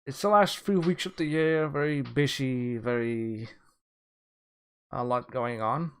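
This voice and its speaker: A man's voice: mid-range voice, steady tone, clean tone. A man hosting a livestream, chatting casually with his viewers, joking and restarting his sentences as he goes. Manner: rambling, joking with chat, halting restarts. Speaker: livestream host giving art critique.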